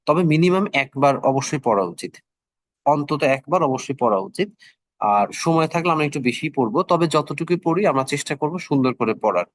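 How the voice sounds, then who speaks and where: A middle-aged man teaching an online class, who speaks slowly and repeats words so the listeners can practise. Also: a little high, expressive, dry recording.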